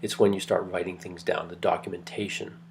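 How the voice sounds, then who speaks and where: A man's voice: low-pitched, flat delivery, brisk, slight background noise. A man giving a recorded anthropology lecture from home late at night, keeping his voice down, chatty and rambling, with lots of ums and restarts. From Greece heritage. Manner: rambling, conversational, many fillers and restarts; kept quiet, late at night.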